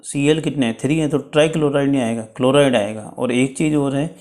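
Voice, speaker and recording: A man's voice: medium pitch, steady tone, darkish tone. A man teaching chemistry in a step-by-step lecture, checking in often with his students. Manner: explains slowly, checks with "ठीक है".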